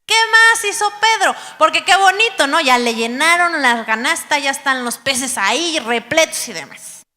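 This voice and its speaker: A woman pastor delivers a lively sermon from the pulpit, slipping into quoted voices of believers. Her voice sits high and bright. The live church recording carries a long hall reverb. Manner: animated preaching, acting out quoted voices of believers.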